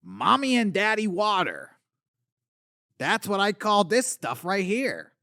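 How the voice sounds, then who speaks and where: A man's voice: high voice, wildly swooping pitch, slow, bright, forceful tone, no echo, clean studio sound, full character voice. A man voicing a washed-up male alien star from the eighties who rambles and slurs, swinging between boasting and muttering, in a comedic monologue. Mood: wistful. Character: washed-up male 80s alien puppet star, boozy and bitter. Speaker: talk show host character.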